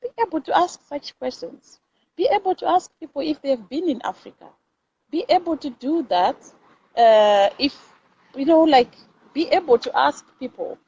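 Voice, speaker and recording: A woman with a Zimbabwean accent and a high, lively, darkish-toned voice gives an informal motivational talk to camera at normal speed. As a live-video host, she speaks emphatically and repeats phrases to drive her points home, though the audio is dull, lo-fi, and has clear background noise.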